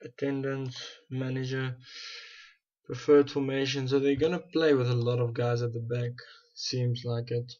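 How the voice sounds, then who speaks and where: A young South African man hosts a gaming channel, casually talking through his football management game, thinking aloud and often restarting or correcting himself. His mid-range voice is flat, unhurried and warm, and the recording sounds muffled.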